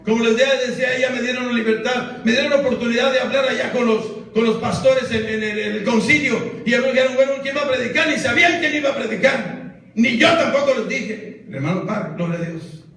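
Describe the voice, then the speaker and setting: High-voiced fervent preacher, echoey hall. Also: male voice, fairly quick. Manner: fervent preaching, rising to shouted emphasis. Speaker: pastor. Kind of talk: sermon. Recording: very echoey hall, voice far from mic.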